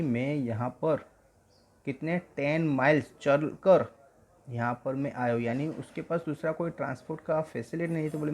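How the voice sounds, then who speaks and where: A male teacher explaining an English story in Hindi, reading the English lines slowly and then explaining them in mixed Hindi and English. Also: medium pitch, darkish tone.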